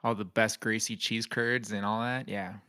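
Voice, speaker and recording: A man's voice: lowish voice, fairly even intonation, normal speed, pushed and bright, clean tone, dry recording, studio quality. A man co-hosting a board game podcast in casual chat, making joking quips. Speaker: podcast co-host.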